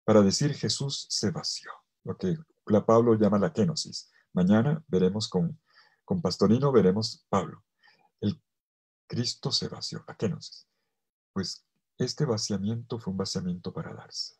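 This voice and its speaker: Husky-voiced priest lecturing with soft and loud swings. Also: male voice, on the low side. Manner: swings between loud emphasis and soft, almost whispered phrases; stretches key words slowly for weight. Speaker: priest teaching a theology course. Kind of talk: theology lecture to a virtual audience.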